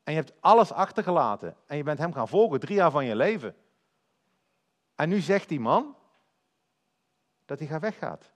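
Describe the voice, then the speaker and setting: A man preaching a sermon, telling the story in a lively way and speaking directly to his listeners. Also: on the high side, moderate pace, pauses often.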